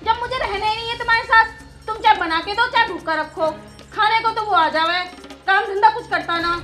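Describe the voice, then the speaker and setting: A woman's voice: extremely high pitch, a little fast, sharp tone, soft background music. A woman playing a resentful young daughter-in-law who complains sharply. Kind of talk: rural film drama acting.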